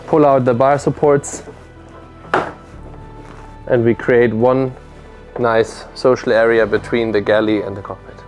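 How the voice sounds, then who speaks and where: Aboard a motor yacht on a lake, a man in his thirties walks through the deck and cabins, methodically explaining and listing features in a product tour recorded on a lapel mic. His mid-range, darkish voice is flat and unhurried, with long pauses and faint background music.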